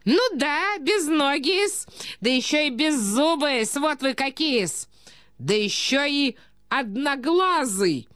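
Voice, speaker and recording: A woman's voice: a little high, big pitch swings, slow pace, fairly bright tone, dry recording, clean studio sound, pitched above the performer's own voice, heavily acted. A woman voicing a furious, scheming matron who hurls scornful insults.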